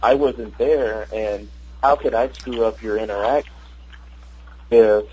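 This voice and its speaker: A man calling in on speakerphone with the phone held away from him, telling a rambling, halting story. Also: on the low side, darkish tone, husky. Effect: on speakerphone, phone held away, muffled. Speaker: caller. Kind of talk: casual call-in chat. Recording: muffled lo-fi phone line.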